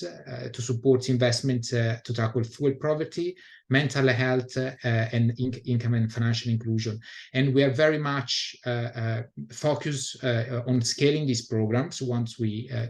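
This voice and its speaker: A middle-aged man from Italy with an Italian accent, presenting his community energy group on a webinar call, with many fillers and restarts. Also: medium pitch. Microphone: video call.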